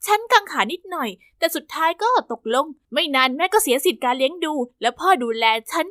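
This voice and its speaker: A woman narrating a first-person animated story in an expressive, lively way. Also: high-pitched, brisk, dry recording, studio quality.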